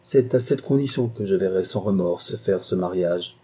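A man reading an audiobook voices a gentle young woman who speaks in an earnest, measured, pleading way. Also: sits low, breathy edge.

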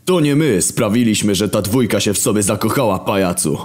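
A man voicing War, a blunt, foul-mouthed male horseman who speaks loudly and scornfully. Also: lowish voice, animated, a little fast, pitched above the performer's own voice.

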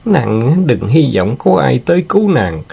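A man's voice: mid-range voice, sing-song, unhurried, vocal fry, darkish tone, breathy edge, voice pushed up, full character voice. A man voicing a lecherous young male villain in an audiobook, leering, boastful and sweet-talking.

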